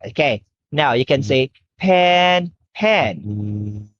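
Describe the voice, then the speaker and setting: A woman with a Filipino accent teaching English online to a young child. She speaks slowly and clearly, coaxing the child along and praising every answer. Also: extremely low pitch, animated, lo-fi sound. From Philippines. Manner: slow, clear, cheerful coaxing with frequent praise.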